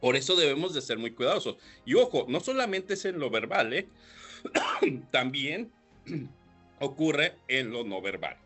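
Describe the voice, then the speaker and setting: A man hosting a leadership podcast, explaining points with rhetorical questions and frequent throat clearing. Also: medium pitch, sing-song, a little slow, a bit bright, faint music behind. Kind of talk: solo podcast talk.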